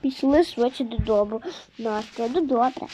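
Excitable high-voiced woman narrating. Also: moderate pace. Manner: excitable, exclaiming. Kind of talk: narrating a game-play story. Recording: dull lo-fi with faint music.

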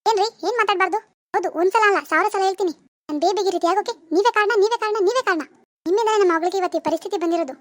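A woman's voice: extremely high pitch, racing, no room sound. A woman voicing a furious middle-aged mother in a cartoon who accuses her daughter's in-laws. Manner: accusing, shouting blame. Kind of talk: animated cartoon voice acting.

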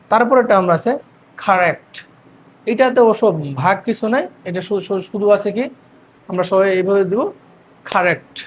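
Man teaching word sounds slowly. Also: high-pitched, slight background noise. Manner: repeats words slowly and drawn out, syllable by syllable. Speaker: English pronunciation teacher. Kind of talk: explanatory lesson.

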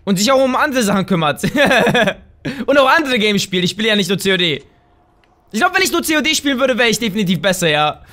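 A man with a bright, sharp voice talks viewers through his gameplay as a let's play host. He is chatty and excitable, and often bursts into loud shouts and exclamations. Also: high-pitched, a little fast. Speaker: gaming channel host.

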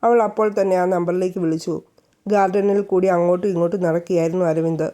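A woman's voice: fairly low pitch, fairly even intonation, fast talker, mellow. A woman narrating a romance story aloud and reading every character's lines herself.

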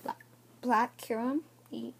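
Casual woman vlogger, slow and hesitant, slightly high voice, faint room hum behind. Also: steady tone, vocal fry. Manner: halting, unsure naming of items. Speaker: card showcase vlogger. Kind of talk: casual card showcase.

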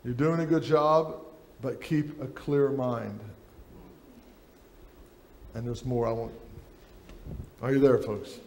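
A middle-aged man delivers a sermon from a lectern on a church stage. His voice is warm and mellow, at a middling pitch, and he reads long passages from a book between his own remarks. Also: fairly even intonation, slow pace, long pauses, slight background noise. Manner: preaching while reading aloud from a book. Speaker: preacher.

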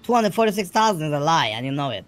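A man's voice: a little high, very animated, rapid-fire, soft background music. A man playing a suspicious, needling gangster in improvised game banter, arguing in a repetitive, incredulous way. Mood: accusing. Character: suspicious, needling male gangster haggling over money. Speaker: player in a crime role-play game.

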